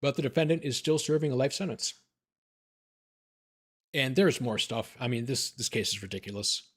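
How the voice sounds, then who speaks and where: Male attorney host, mid-pitched, reads filings, then offhand commentary, voice wearing out. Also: expressive, normal speed. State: losing his voice. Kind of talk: informal livestream commentary.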